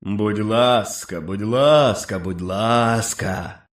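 A man voicing a chorus of jeering beast-men who taunt and chant in slow, drawn-out calls. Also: on the low side.

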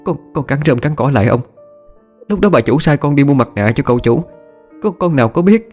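A man's voice: mid-range voice, lively intonation, a little fast, a little mellow, faint music behind, voice pushed up, lightly acted. A man voicing a timid young servant girl who stammers as she begs. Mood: begging. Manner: pleading, stammering.

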